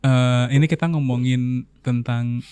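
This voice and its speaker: A man's voice: medium pitch, fairly even intonation, a little slow, darkish tone, clean tone, no room sound. A man with an Indonesian accent hosting a podcast, chatty and often summing up the guest's words back to him. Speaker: podcast host. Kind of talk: casual interview talk.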